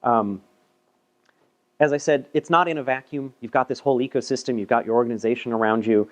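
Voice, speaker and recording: At a fairly quick pace, a man with a mid-range voice presents a paper during a casual meetup talk. His delivery is chatty, self-deprecating in places, and marked by frequent repeated words.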